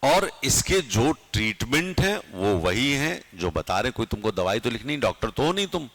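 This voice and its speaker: A male teacher giving an exam-prep lecture in a lively way, constantly asking his students rhetorical questions. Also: mid-range voice, normal speed.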